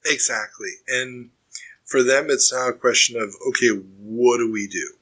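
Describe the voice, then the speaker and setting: Bright-voiced man hosting a news podcast. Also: medium pitch, moderate pace, rough recording. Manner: reads headlines, then riffs conversationally. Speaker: podcast host. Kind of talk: reading news items and chatting.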